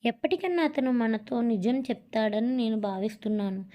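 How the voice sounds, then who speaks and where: A woman's voice: fairly high pitch, lively intonation, moderate pace, highs cut off, lightly acted. A woman reading the lines of a hurt middle-aged wife and mother who speaks with reproach and tears. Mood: tearful. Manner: reproachful, tearful.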